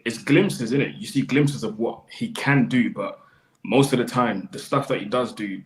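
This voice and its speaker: A man's voice: medium pitch, normal speed, low-quality recording. A man chatting casually as co-host of a football show.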